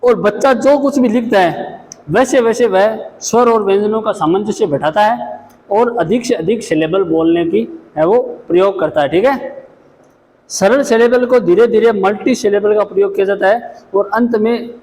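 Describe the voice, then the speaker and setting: Male lecturer, high voice, repeats each point; echoey room, faint hiss. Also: normal speed, a little mellow. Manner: explains then repeats each point, frequent "ठीक है". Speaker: special education lecturer. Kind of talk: classroom lecture.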